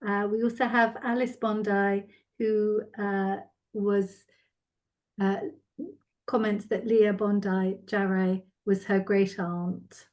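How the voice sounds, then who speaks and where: The host of an online art talk, a woman, runs its video question session and reads comments with polite formality and some hesitation. Her medium-pitched voice is darkish and flat, and she speaks slowly.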